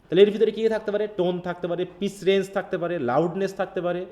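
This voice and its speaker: A high-pitched man from Bangladesh, an English literature teacher, speaks very fast in a mellow voice with fairly even intonation. Teaching a live online linguistics class, he reads lines from a text and then explains them casually, on a muffled recording.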